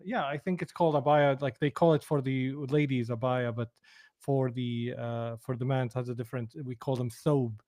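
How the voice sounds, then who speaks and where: A man's voice: medium pitch, steady tone, normal speed, darkish tone. A man from Syria co-hosting a podcast, whose first language is Arabic, asking curious questions casually and often restarting his sentences. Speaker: podcast co-host. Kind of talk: casual conversation.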